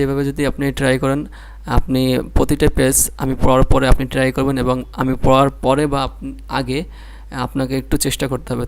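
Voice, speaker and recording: A man with a Bangladeshi Bengali accent teaching Quran reading, spelling out syllables one by one and repeating them patiently. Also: mid-range voice. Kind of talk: slow spelled-out recitation lesson.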